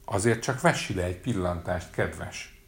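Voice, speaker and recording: A man's voice: lowish voice, expressive, vocal fry. A man voicing a sly old peddler woman who wheedles and caws, in a storybook reading. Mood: wheedling. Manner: cawing, wheedling.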